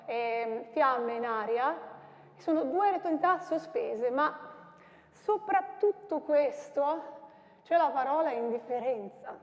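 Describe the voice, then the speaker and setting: High-voiced woman in an echoey hall. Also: lively intonation, takes it slowly. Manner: explains softly, then recites with shouts, onomatopoeia and laughter. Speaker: lecturer and sound poetry performer. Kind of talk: lecture then dramatic sound-poetry recital. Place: large university lecture hall.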